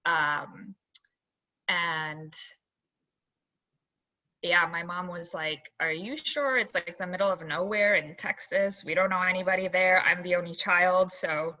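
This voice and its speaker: A young woman from Zambia, an assistant golf coach, telling her story in a chatty, animated way full of fillers on a video call. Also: fairly low pitch, unhurried. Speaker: assistant college golf coach, interview guest. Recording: dull lo-fi video call audio.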